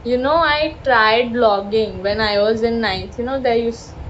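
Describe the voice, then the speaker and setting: A young adult vlogger from South Gujarat with a Gujarati-influenced Indian English accent rambles casually at an unhurried pace in a slightly high voice, full of fillers, apologies, and self-deprecation. She's outdoors near busy, honking traffic, captured in dull lo-fi phone audio with faint street noise.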